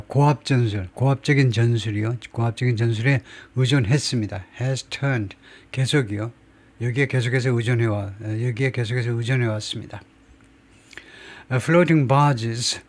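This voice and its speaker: Middle-aged male English teacher, mid pitch, slow deliberate reading of English, chatty explanations with fillers. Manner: reads English slowly, explains in Korean with frequent fillers. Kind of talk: line-by-line news article lesson.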